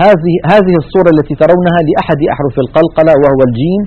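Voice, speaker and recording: Male tajweed teacher, quick and methodical, slightly high voice, lo-fi sound. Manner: methodical, explains with spoken examples. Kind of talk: recorded lecture with slides.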